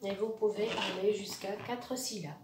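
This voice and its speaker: A woman teacher explaining reading exercises to other teachers, sounding out words slowly syllable by syllable. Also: mid-range voice, steady tone, far from the mic. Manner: slow, syllable-by-syllable demonstration. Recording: echoey room with faint noise.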